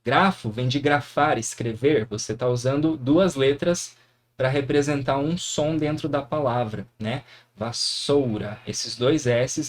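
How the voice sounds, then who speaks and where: A man with a Brazilian Portuguese accent teaching a grammar lesson, encouraging and often checking in with his students. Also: medium pitch. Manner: encouraging, frequent tag questions. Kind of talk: classroom lesson explaining grammar.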